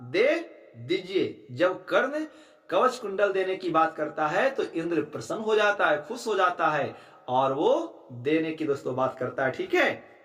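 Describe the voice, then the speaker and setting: A man's voice: fairly high pitch, very animated, a little slow, fairly bright tone, reverberant. A man teaching a school textbook chapter, who repeats key lines and keeps checking in with his students. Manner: keeps asking "है ना?", "ठीक है"; repeats lines to drive them home.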